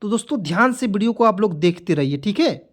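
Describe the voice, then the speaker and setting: A man's voice: sits high, lively intonation, a little fast. A male teacher giving an online reading lesson, drilling each word with repeated questions and answers.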